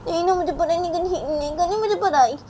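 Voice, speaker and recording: A woman's voice: very high voice, quick pace, background noise, pitched above the performer's own voice. A woman voicing a whiny little girl who pleads with her mother to let her play. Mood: whiny pleading. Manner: pleading, whining.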